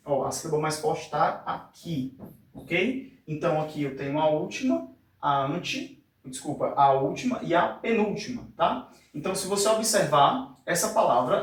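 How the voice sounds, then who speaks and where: Male Portuguese teacher in an echoey room. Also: a little high. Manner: frequent tag questions like "tá?" and "fechado?"; drawn-out syllable-by-syllable pronunciation. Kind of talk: whiteboard lesson explanation. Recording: echoey room, voice a bit distant from the mic.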